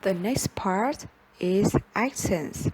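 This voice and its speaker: Slow, careful young woman presenting in class. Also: mid-range voice, darkish tone, a little hiss or hum. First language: Vietnamese. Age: young adult. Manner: slow, careful reading with pauses between listed words. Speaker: student presenter.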